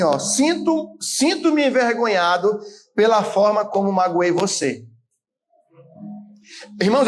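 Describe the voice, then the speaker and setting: With a high-pitched voice, this late-thirties Brazilian pastor delivers his sermon as if in conversation. Tag questions come often, and he occasionally raises his voice to a shout to stress a point.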